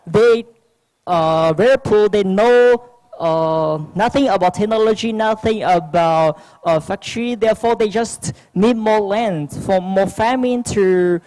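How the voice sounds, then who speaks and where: The recording is rough, capturing a young adult with a Vietnamese accent at medium pitch, slightly mellow in tone. As a youth panel speaker giving a prepared forum speech, they stumble through with many restarts and fillers.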